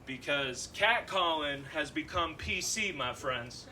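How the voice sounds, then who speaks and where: Young guy doing stand-up, kinda high voice, cusses a lot, laughs at his own bits, live room noise behind him. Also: expressive, slow, bright, forceful tone, far from the mic. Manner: loose, swearing, laughing through punchlines. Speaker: stand-up comedian. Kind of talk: stand-up comedy set. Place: comedy club stage with live audience.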